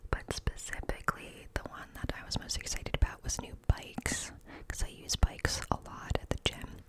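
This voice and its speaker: Cupped-hand whisper, woman, fully unvoiced and breathy, casual ASMR ramble, close mic. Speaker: ASMR creator.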